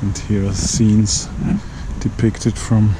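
A man guiding a walking tour, pointing out sights at a leisurely pace with frequent pauses. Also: fairly low pitch, flat delivery. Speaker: city tour guide. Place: outdoors on city streets and squares. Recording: outdoor recording with traffic noise. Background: street ambience and passing traffic.

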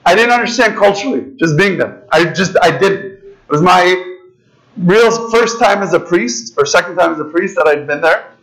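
A man's voice: high-pitched, animated, normal speed, a bit bright, poor audio. A man, a priest preaching a conversational sermon to his congregation in a large church and often checking in with "right?" and "okay?". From United States. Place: large ornate church, indoors, speaking to a seated congregation. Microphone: far camera, preacher standing at a lectern.

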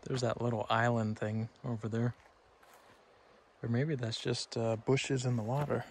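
A man's voice: mid-range voice, level tone, a little hiss or hum. A man in casual, rambling narration as an ASMR host walking a forest trail outdoors. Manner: soft, rambling and unhurried.

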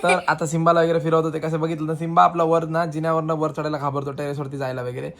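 A man's voice: on the high side, level tone, quick pace, fairly bright tone. Chatty man vlogging. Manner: chatty, joking with a pet dog. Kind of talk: casual vlog chat.

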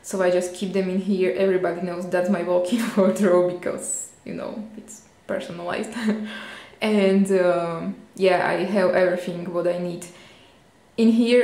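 A young woman with a Czech accent, chatting casually and giggling as she gives a tour of her flat's wardrobe. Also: fairly low pitch, a little slow. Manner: chatty, giggly, rambling with fillers. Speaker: fashion vlogger. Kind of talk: casual vlog chat. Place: hallway and walk-in wardrobe of her flat. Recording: echoey hallway.

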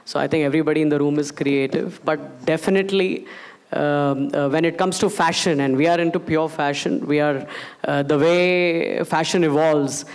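A man's voice: on the high side, fairly even intonation, normal speed, clear, resonant tone. A man speaking as a panelist at a business conference, casual and explaining with everyday examples. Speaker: panelist, company managing director. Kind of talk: panel discussion. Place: conference stage in a large hall.

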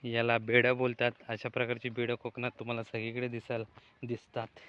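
A man's voice: mid-range voice, monotone, fairly quick, fairly bright tone, a little hiss or hum. A man, narrating a casual travel vlog recorded outdoors on a phone camera. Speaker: vlogger. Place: outdoors in a village.

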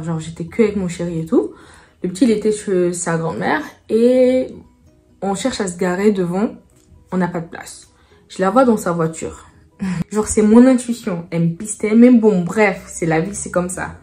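A woman's voice: lowish voice, warm tone. A young woman vlogger telling a personal story in a chatty storytime style, acting out the dialogue with lots of fillers. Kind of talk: casual storytime.

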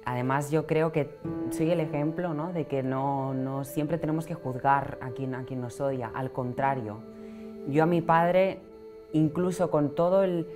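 A woman's voice: low-pitched, steady tone, a little slow, music in the background. A woman, answering interview questions earnestly and reflectively, recorded on a lapel mic in a small studio. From Catalonia, Spain. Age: 20s. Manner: earnest, reflective, repeats words when searching. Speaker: pageant winner guest. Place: small TV studio set, indoors.

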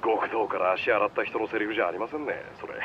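Here the informant's voice sits on the low side, delivered fast and only lightly acted. The man plays a shrewd, courteous, laid-back underworld contact in a video game cutscene, chatting casually over the phone with a note of caution. It's recorded as a dull phone call with traffic and street sounds around him.

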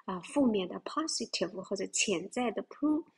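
A woman teaches English vocabulary with a very clear, smooth voice. She explains each word, spells it out letter by letter and slows down to read the example sentences. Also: mid-range voice, animated. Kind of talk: vocabulary lesson.

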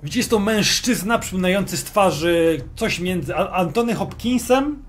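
A man's voice: sits high, animated, moderate pace. Man narrating a tabletop game to players. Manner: describes scenes to players in second person, loose and hesitant. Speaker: game master. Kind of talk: casual narration of a tabletop role-playing game.

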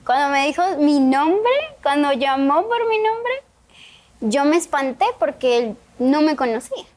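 Young woman guest, very high voice, earnest emotional faith testimony in a TV studio interview. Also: lively intonation, a little slow, darkish tone.

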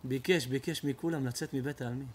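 A man, a rabbi, preaching an emotional storytelling sermon, shifting dramatically between loud outcries and hushed tones. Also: medium pitch, steady tone, a little hiss or hum.

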